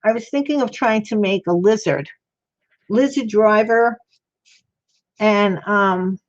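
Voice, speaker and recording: A woman's voice: medium pitch, slow, dull audio. A woman with slightly mushy, toothless articulation, chatting casually and thinking aloud as she hosts a craft livestream. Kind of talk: casual chat while demonstrating crafts. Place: indoor craft worktable.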